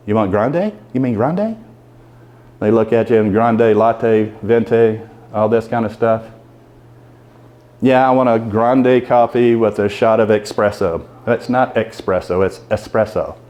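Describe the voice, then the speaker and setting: A man's voice: medium pitch, darkish tone. A man giving a conversational leadership talk to a club audience, asking them questions as he goes. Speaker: guest speaker at a club meeting.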